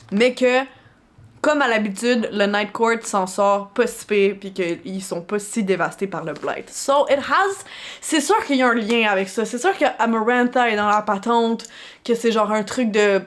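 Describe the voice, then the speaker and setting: In a casual reading-reaction vlog, a young woman speaks French with a Québécois accent in a mid-range voice. She's opinionated and relaxed, slipping English expressions in now and then.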